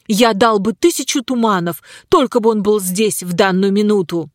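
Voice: mid-range voice, normal speed, no room sound, studio quality, lightly acted. A reader voicing a frightened male merchant in an audiobook, pleading in a raised, anxious tone. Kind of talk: audiobook reading.

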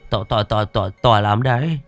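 A man's voice: fairly low pitch, normal speed, no room sound, faint music behind, lightly acted. A man voicing a timid young male thug who stammers and trembles with fear. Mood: scared. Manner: stuttering, trembling.

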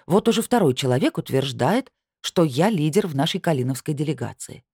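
Low, lively woman narrating a novel. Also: brisk, slightly rough, no echo, clean studio sound. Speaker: audiobook narrator. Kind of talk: first-person audiobook narration.

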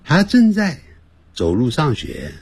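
A man teaching an English lesson on the radio. He explains grammar patiently and sounds words out slowly, several times over, to show how they should be said. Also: on the high side, wildly swooping pitch, a little mellow, breathy edge, no echo. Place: radio studio.

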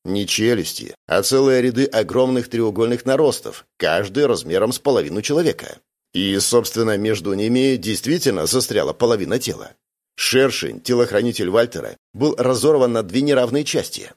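A male reader narrates a first-person science-fiction audiobook at mid pitch. His telling is steady and even, with no rush. It is a plain scripted narration. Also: moderate pace.

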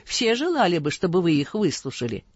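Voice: mid-range voice, very animated, fairly quick, husky, dry recording, dull audio. A reader voicing a timid, corrupt older judge who answers evasively in an audiobook.

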